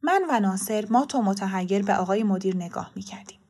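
A woman reading a story aloud in the first person, in calm narration. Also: mid-range voice, slightly rough.

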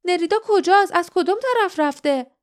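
A woman voicing a wary, blunt young female companion speaking quickly in an audiobook. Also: very high voice, expressive, pitched above the performer's own voice.

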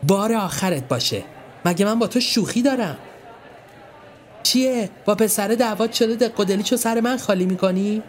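A man's voice: high voice, animated, voice pushed up. Man doing a hot-tempered teenage girl. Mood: angry. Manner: snappy, indignant.

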